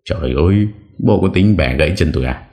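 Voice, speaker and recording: A man's voice: a bass voice, normal speed. A man voicing a frightened young hotel worker who stammers and pleads.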